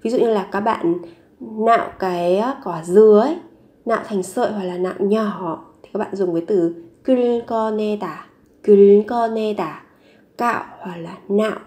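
A woman teaching a vocabulary lesson, saying each word three times slowly before explaining it. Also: medium pitch, dark tone. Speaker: language teacher.

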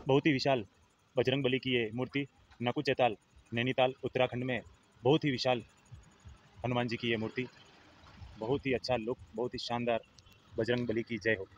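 A man's voice: mid-range voice, level tone, moderate pace, long pauses. Man narrating a lakeside travel vlog. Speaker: travel vlogger. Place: outdoors at a lakeside in hills. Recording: lo-fi phone audio with outdoor noise.

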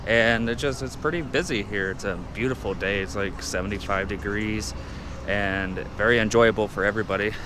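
A man's voice: fairly low pitch, a little fast. A young man casually narrating a walking vlog to a handheld camera outdoors, in an easygoing, rambling way. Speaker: vlogger. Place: outdoors on busy city streets and a pier. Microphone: handheld camera at arm's length. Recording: loud outdoor street noise. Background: loud traffic and street noise.

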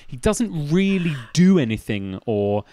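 A man's voice: fairly high pitch, big pitch swings, a little slow, warm tone, dry recording. A man hosting a podcast, chatting casually about film. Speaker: podcast host.

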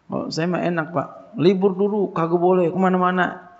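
Gravelly preacher, lo-fi sound. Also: male voice, high-pitched, fairly even intonation, normal speed. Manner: colloquial, call-and-response questions. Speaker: pesantren teacher. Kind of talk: casual religious lecture. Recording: dull lo-fi lecture recording.

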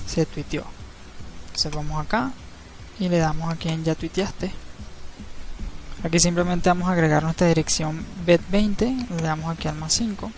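A man narrating a screen-recorded tutorial, explaining each step in a relaxed, easygoing way and often checking in with the viewer. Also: on the high side. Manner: relaxed, step-by-step, frequent tag questions. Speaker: crypto channel host. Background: faint background music.

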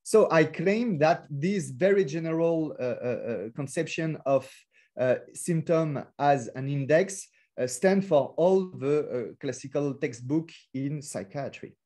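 A man's voice: a little high, a little slow, darkish tone. French-accented man giving a hesitant lecture. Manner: frequent hesitations and fillers; careful non-native phrasing. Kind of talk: academic webinar talk. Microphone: video call.

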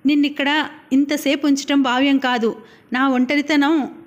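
A woman reading an audiobook, voicing a joking middle-aged male doctor who banters slowly. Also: high-pitched, level tone, close to an everyday voice.

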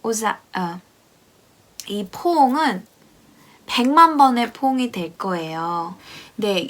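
A woman giving a lyric and pronunciation lesson, reading lines slowly and repeating them, then explaining gently. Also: medium pitch. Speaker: bossa nova lyrics teacher.

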